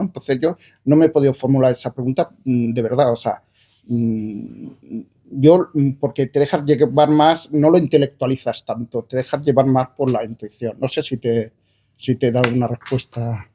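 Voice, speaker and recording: A man talks about his own writing at a book presentation. His voice is warm and mellow, and he thinks aloud with frequent fillers and restarts. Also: medium pitch, husky. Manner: hesitant, thoughtful, many fillers and restarts. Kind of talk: conversational book presentation talk.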